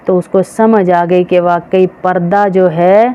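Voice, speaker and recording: A woman's voice: fairly low pitch, fairly even intonation, clear, resonant tone. A woman religious teacher preaching a sermon to women, emphatic and full of rhetorical questions. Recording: dull, slightly noisy recording.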